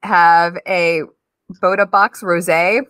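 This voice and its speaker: A woman co-hosting a podcast in casual chat, bubbly and quick to laugh. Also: lowish voice, fairly even intonation, a bit bright, smooth, no echo. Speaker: podcast co-host. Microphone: remote call.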